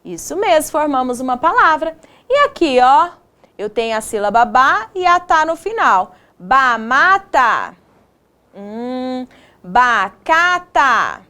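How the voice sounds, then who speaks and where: A woman teacher giving a children's video lesson, stretching out syllables in a slow, sing-song way. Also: high-pitched, big pitch swings, fairly bright tone.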